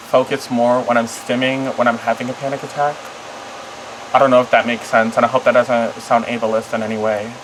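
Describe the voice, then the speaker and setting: A vlogger talking casually and confessionally to camera in a halting, rambling, apologetic way that often trails off. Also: mid-range voice, noisy background. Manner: apologetic, self-conscious.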